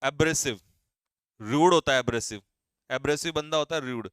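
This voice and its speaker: Brisk, teasing male exam-prep teacher; bright, crisp voice, slightly high. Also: no echo, studio quality. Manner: brisk, quizzing students and teasing them. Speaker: English vocabulary teacher. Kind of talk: live online exam-prep class.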